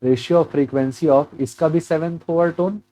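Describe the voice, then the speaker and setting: A man's voice: a little high, slow, warm tone, low-quality recording. A man walking through a physics exam problem as a teacher, mixing Hindi with English terms and asking and answering his own questions.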